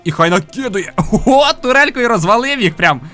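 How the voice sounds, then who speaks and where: A man's voice: very high-pitched, lively intonation, normal speed, sharp tone, faint music behind. A man giving playful, upbeat live gameplay commentary as a gaming video host, dropping in sound-effect interjections.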